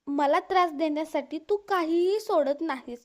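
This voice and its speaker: A woman reads a storybook part voicing a young sister-in-law who scolds, accuses, and taunts in a very high-pitched voice. Her pace stays moderate.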